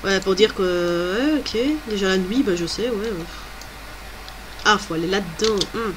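A woman's voice: medium pitch, normal speed, background noise. A woman doing let's play commentary, chatty and exclamatory, thinking aloud as she plays. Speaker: gamer.

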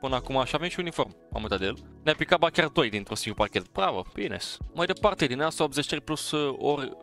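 Male gamer, mid-pitched, chatty and impatient, faint game music underneath. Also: lively intonation, a bit bright. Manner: eager, urging, sprinkles English exclamations. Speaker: gaming streamer opening packs. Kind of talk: casual pack-opening commentary.

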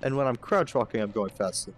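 A man's voice: mid-range voice, expressive, fast, slight background noise. A man giving joking, chatty let's play commentary, reacting aloud as he plays. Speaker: gaming host.

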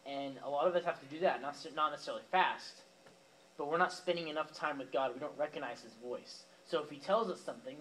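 This rough recording, carrying a little hiss or hum, captures a young man with a fairly bright, higher-pitched voice. He's a youth pastor preaching to teens in a church youth room with a live audience, keeping it casual and chatty with fillers and asides aimed straight at them.

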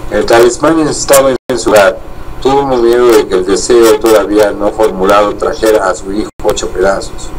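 A man steadily reading a horror story aloud, with a few slips and restarts. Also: lowish voice. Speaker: reader. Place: indoors, live stream. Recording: distant mic, faint air-conditioning hum.

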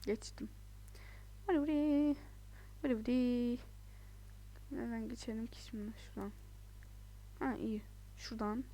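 A woman giving chatty, casual commentary while playing a video game, excitable, laughing often and exclaiming in frustration. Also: a little high, unhurried, pauses often. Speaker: let's play gamer.

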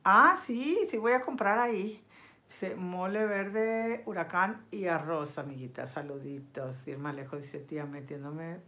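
Sixties woman vlogger, warm-hearted chatter with viewers, casual and unscripted. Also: low voice, steady tone, a little slow. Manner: chatty and affectionate, lots of diminutives and endearments. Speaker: vlogger reading viewer comments. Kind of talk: casual live chat.

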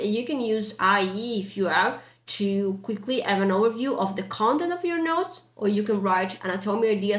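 A young woman with non-native English guides a software walkthrough in an echoey room. Her voice sits at a medium pitch. She explains things step by step in loose, informal phrasing. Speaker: tutorial presenter. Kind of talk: casual screen-recorded software walkthrough. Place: indoor room. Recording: roomy, echoey voice track.

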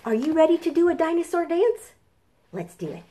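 A middle-aged woman plays a children's librarian running a preschool storytime from a home kitchen, speaking simply and encouragingly to small children and their parents. Her voice is extremely high and mellow, very animated, and fairly quick. A camera a short distance away picks her up.

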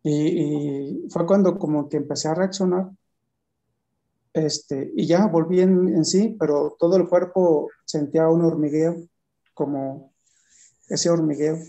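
A man giving a personal testimony in conversation, telling his story in a halting way with frequent restarts. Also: a little high, steady tone, dark tone, lo-fi sound.

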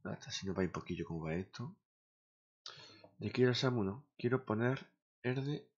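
Grumbling streamer, lo-fi sound. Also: male voice, lowish voice, expressive, normal speed, breathy edge. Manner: grumbling, swears often, talks to himself. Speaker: gaming streamer. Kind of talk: casual streaming chatter. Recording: dull lo-fi sound.

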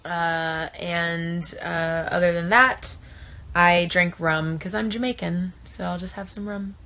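Young woman actor, bright lowish voice, chatty and unscripted, phone held at arm's length. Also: fairly even intonation, unhurried. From South Florida. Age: 20s. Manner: chatty, thinks aloud with fillers. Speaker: actor answering fan questions. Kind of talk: casual live-stream chat. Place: small trailer room indoors.

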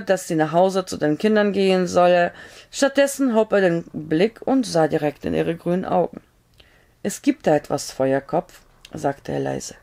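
A woman reading a novel aloud as audiobook narrator, steady storytelling with small slips. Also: mid-range voice.

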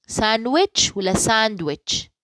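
Algerian lady teacher doing an english test solution, slow careful english, keeps saying okay, dry close sound. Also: fairly high pitch, expressive, fairly bright tone, dry recording. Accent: Algerian Arabic. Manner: slow, careful reading of English sentences, then explaining in dialect. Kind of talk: exam-solution lesson mixing Arabic and English.

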